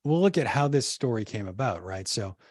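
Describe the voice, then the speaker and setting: Guesting on a podcast, this man recounts history casually, rambling and backtracking with lots of fillers. He speaks on the low side, animated and slightly quick, in a dry, clean studio recording.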